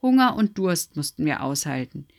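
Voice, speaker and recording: A woman's voice: deep voice, sing-song, normal speed, vocal fry, exaggerated voice. A woman voicing a wise, helpful female owl who guides the other animals, speaking eagerly in a raised voice. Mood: explaining.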